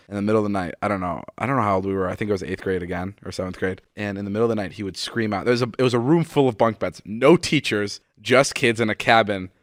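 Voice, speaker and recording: A man's voice: lowish voice, fairly bright tone, no echo, studio quality. A man in his twenties co-hosting a podcast, rambling through stories in casual chat, full of "like" and swearing. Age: 20s. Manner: rambling storyteller, lots of "like" and swearing. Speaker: podcast co-host.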